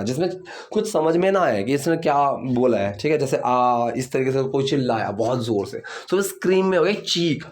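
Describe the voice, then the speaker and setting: A man's voice: on the high side, a little mellow. Patient man teaching English grammar. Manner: patient, repeats "theek hai" often. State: sore hands from the gym. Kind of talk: grammar lesson explaining sentences.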